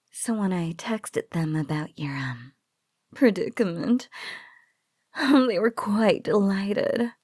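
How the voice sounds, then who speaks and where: A woman voices a spider monster in an intimate roleplay, her mid-range voice darkish and lively in intonation, recorded close, dry and breathy. Amused and teasing, she coos with a slow, possessive drawl over her captive, doting on them, giggling, and frequently dropping to a whisper.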